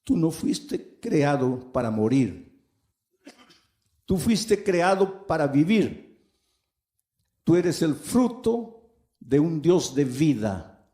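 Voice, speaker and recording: Slow, dark-voiced man preaching in an echoey hall. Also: very animated. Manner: dramatic, swelling into high emphatic peaks and slow deliberate phrases. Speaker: pastor. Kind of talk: sermon.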